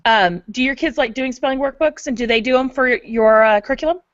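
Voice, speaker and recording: A woman chatting casually on a homeschool panel in a relaxed, conversational way, asking questions. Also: high voice, fairly quick, no room sound. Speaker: homeschooling parent, panel host. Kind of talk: casual online panel chat. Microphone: video call. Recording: dry, dull video call audio.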